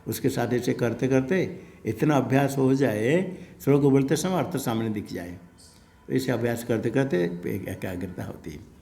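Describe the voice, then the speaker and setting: A man teaching a scripture class in an ashram, explaining at an unhurried pace with an occasional soft laugh. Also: mid-range voice, creaky.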